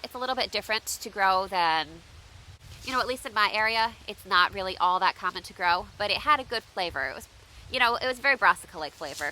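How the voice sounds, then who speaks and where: An American homestead vlogger unboxes seeds outdoors under shifting trees, chatting casually with viewers and asking them for tips. She sounds a bit stuffy and congested from allergies, and her medium-pitched voice has a bright, forceful tone. The low-quality recording carries slight background noise.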